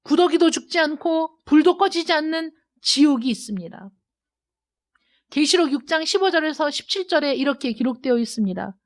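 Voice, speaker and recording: Woman pastor, high sing-song delivery, emphatic sermon style, loud pleas then hushed asides. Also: expressive, normal speed. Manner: emphatic, rhetorical questions, swings between loud urging and quiet. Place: church sanctuary.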